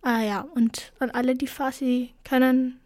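A teenage girl from Afghanistan talks in a relaxed, casual chat. Her voice sits a little high, and she tells her stories in an animated, indignant way. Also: measured pace. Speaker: student talking about school.

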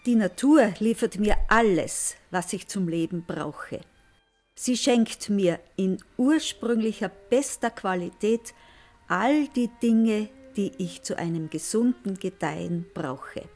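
An older woman giving a measured scripted appeal with emphatic listing, as an elderly climate activist. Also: mid-range voice, animated, darkish tone, faint music behind.

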